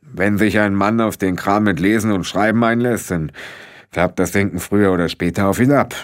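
Ein Mann spricht einen einfältigen, ernsten kleinen Krieger, bedächtig und schwerfällig. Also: male voice, on the low side, moderate pace, close to an everyday voice. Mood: ponderous.

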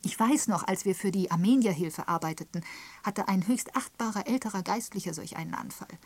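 A woman reading the part of a gentle, tactful elderly spinster in an audiobook, in a mild and measured manner. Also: medium pitch, voice pushed up, natural voice. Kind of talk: audiobook character voice.

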